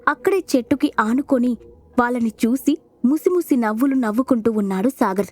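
A woman narrating an audio storybook in a steady, expressive reading. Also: fairly high pitch, a little fast, no echo. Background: soft background music.

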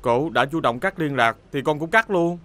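An actor playing a young restaurant owner, a defensive lovesick son, with a Southern Vietnamese accent. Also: male voice, fairly high pitch, animated, normal speed, bright, forceful tone.

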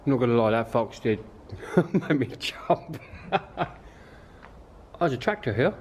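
Taking it slowly but sounding animated, a man with a mid-range voice explores a derelict English farm as an urban explorer vlogger. Outside and in the ruined barns, he speaks casually to his audience and ponders aloud, with slight background noise.

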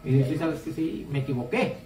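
A woman with a Mexican accent, a psychic and tarot reader, gives blunt, outspoken advice in a casual live chat from an indoor home room. Her low, warm voice moves briskly, with faint music behind her, and the recording is echoey, as she sits far from the mic.

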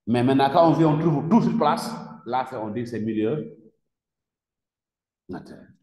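A man's voice: medium pitch, moderate pace, mellow, dull audio. A man with a Senegalese French accent teaching a class, questioning students and repeating key words with emphasis. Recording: echoey classroom with long reverb.

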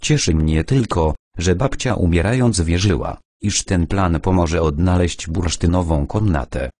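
A man's voice: low voice, measured pace, a little mellow, dry recording, clean studio sound. A man voicing a beautiful, emotional Ukrainian woman who pleads tenderly in an audiobook. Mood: sad.

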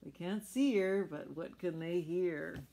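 Taking it slowly, a middle-aged woman reads a picture book to children in a lowish, mellow voice with vocal fry. She adds chatty explanations and little questions for her listeners, in a small furnished room at home.

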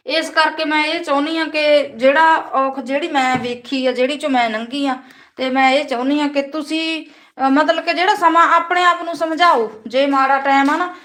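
High-voiced Punjabi woman on a live stream. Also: a bit bright, roomy sound. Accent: Punjabi, Malwa. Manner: earnest, repeating advice and asking "right?". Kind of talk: casual motivational live stream.

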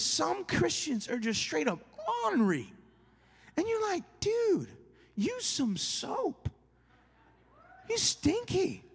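A man preaching a sermon as a youth pastor, animated and joking, acting out little stories with quoted voices. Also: extremely high pitch, gravelly. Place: large church hall. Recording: church hall with long reverb.

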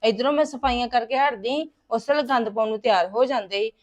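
The recording is lo-fi, and the woman's natural voice sits on the high side with a darkish tone. She acts the part of a married daughter in a domestic web drama, rattling off aggrieved complaints about her in-laws to her mother.

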